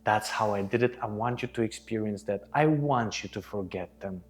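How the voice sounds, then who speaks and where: Leading guided group breathwork, this man is reassuring and instructional, frequently asking "okay?". He speaks at a normal speed in a fairly low, husky voice, with faint music behind him.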